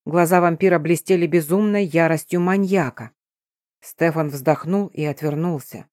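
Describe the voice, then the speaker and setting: Low-voiced woman reading an audiobook. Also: normal speed, a little mellow, no echo, studio quality. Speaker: audiobook narrator. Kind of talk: scripted audiobook narration.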